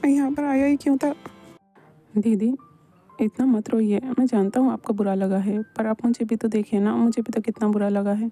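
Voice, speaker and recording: A woman's voice: a little high, steady tone, normal speed, mellow, soft background music, close to an everyday voice. A woman voicing an anxious, jealous young husband in a Hindi fan dub, talking in a pleading, questioning way. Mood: consoling.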